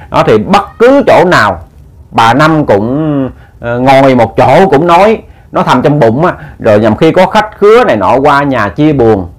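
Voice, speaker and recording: A man telling a ghost story in a chatty way, talking to his listeners with many fillers. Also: medium pitch.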